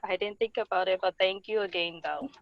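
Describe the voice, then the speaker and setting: A woman's voice: medium pitch, fairly even intonation, fairly quick. A woman speaking by phone from her car while she drives, chatting openly and gratefully with a few small laughs and restarts. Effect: speaking over a phone from a moving car. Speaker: webinar participant. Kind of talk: casual chat. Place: in a car, driving. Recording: muffled dry phone line from a car.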